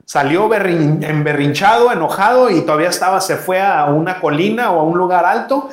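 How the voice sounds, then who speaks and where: A man's voice: high voice, animated, a little fast, roomy sound. A man preaching a sermon as a pastor, talking conversationally and asking his congregation questions.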